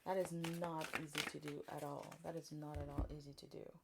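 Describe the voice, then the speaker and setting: A woman from Congo giving a spiritual tarot card reading in a gentle, thoughtful way, often pausing with fillers. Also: sits low, little pitch movement, vocal fry, heavy background noise. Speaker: tarot reader.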